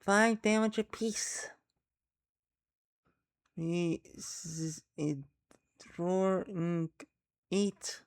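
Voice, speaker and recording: A woman co-hosting a reading of an interactive webcomic, narrating slowly and deliberately with occasional chuckles. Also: lowish voice. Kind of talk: reading a comic aloud with a co-host.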